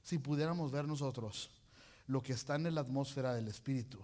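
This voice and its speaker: A man preaching a sermon in an animated, joking way, full of colloquial slang. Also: mid-range voice, a little fast.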